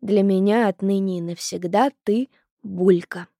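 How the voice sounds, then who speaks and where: Calm, explaining teenage boy, read by a woman, plain pitch, dry close sound. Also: a little slow, no room sound. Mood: friendly. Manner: matter-of-fact, explaining. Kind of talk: audiobook character voice.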